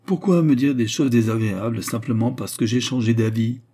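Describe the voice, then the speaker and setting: A man voicing a weak, self-pitying middle-aged husband who whines and shouts in protest, in a storybook reading. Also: mid-range voice, brisk, natural voice. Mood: whining.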